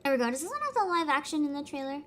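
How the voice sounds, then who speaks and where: A woman chatting casually on a reaction livestream, excitable, giggly and given to exclaiming as she hosts. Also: high voice, racing, heavy background noise. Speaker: streamer, host.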